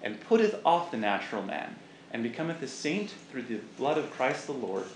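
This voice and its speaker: A man giving an expressive recitation of scripture. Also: medium pitch, moderate pace, over a noisy crowd. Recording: echoey room with faint noise.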